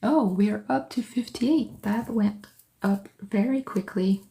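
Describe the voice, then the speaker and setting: Speaking slowly at medium pitch, with a warm tone and vocal fry, a woman hosts a casual livestream while working in her art studio. Her first language is French, and she greets viewers by name and thinks out loud.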